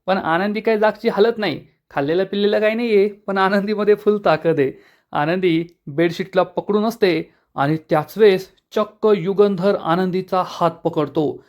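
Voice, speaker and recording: A man narrating a steady recap of a TV serial episode, retelling events in a storytelling manner. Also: sits high.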